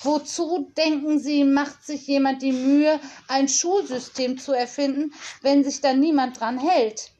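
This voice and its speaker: A strict school official speaks sternly and briskly in a high, clear register, voiced by a woman reading a storybook aloud. She scolds with firm emphasis, and the delivery stays unhurried overall. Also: steady tone, mellow, muffled recording.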